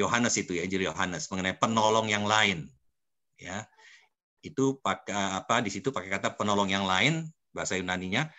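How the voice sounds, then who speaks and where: A man's voice: lowish voice, sharp tone. An older man, a pastor, teaching a church study group and telling personal stories, often addressing listeners directly. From Indonesia. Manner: addresses listeners as "Saudara", storytelling.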